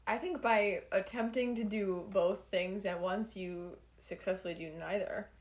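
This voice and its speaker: A woman co-hosts a podcast in loose, casual banter. Her voice sits at a middle pitch. She is chatty, laughs often and swears freely. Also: steady tone, a little slow. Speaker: podcast co-host.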